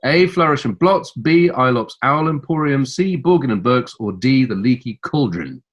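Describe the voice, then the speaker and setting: A man's voice: medium pitch, expressive, moderate pace. A middle-aged man co-hosting a quiz, reading answer options with teasing relish. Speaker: quiz co-host.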